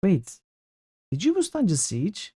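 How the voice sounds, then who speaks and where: A man's voice: high voice, wildly swooping pitch, measured pace, a loud crowd. A man doing casual live game commentary, thinking aloud and putting questions to his chat. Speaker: game streamer.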